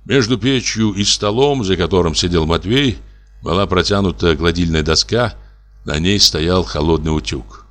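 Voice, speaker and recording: A man narrating a classic story in a measured, grave reading. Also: sits low, fairly bright tone, faint music behind. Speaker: audiobook narrator. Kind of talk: scripted literary narration.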